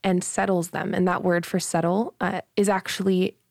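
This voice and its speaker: A woman with a slightly low, sleepy morning voice co-hosts a faith podcast, explaining and teaching in an earnest, unhurried way. The sound is dry and close, with no room around her. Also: level tone, vocal fry, darkish tone, no echo. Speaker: podcast co-host. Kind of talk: casual faith podcast chat.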